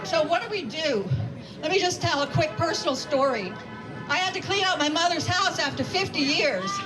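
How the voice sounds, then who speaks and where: A woman's voice: very high-pitched, animated, moderate pace, music in the background, poor audio. A woman giving an emphatic, rousing rally speech to a crowd, repeating phrases for effect. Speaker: rally speaker and community organizer.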